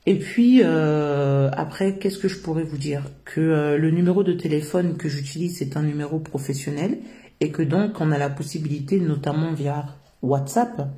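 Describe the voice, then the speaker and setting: Answering interview questions about the social work business she founded, a middle-aged Frenchwoman speaks at normal speed in a low, dark voice. She is earnest and hesitant, and her answers are full of filler sounds.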